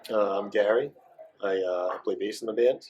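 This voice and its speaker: Laid-back low-voiced bassist man. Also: normal speed, a little mellow, dull audio. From Rhode Island. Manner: laid-back, hesitant, wry. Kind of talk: casual interview answers.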